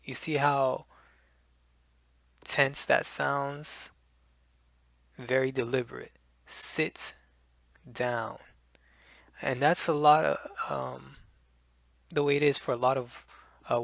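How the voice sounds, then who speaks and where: A man teaching English pronunciation, explaining slowly and deliberately with many fillers. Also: mid-range voice, flat delivery, creaky, fairly bright tone, no echo, studio quality. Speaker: language teacher.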